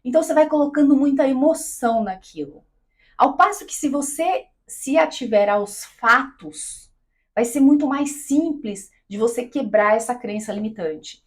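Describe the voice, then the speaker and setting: A Brazilian woman working as a business and mindset coach talks to camera at normal speed in a high-sitting voice. Her explanation is didactic, punctuated by frequent "tá?" and "né?" check-ins, and she acts out the voices she quotes.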